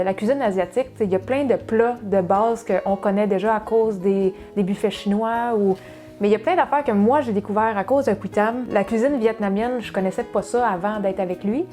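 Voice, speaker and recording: Co-hosting a cooking channel, this woman from Saguenay, Quebec, is in her thirties and has a Québécois French accent. She's chatty and quick in a relaxed question-and-answer session, frequently using fillers and starting sentences over, with a mellow, mid-range voice. Soft music can be heard in the background.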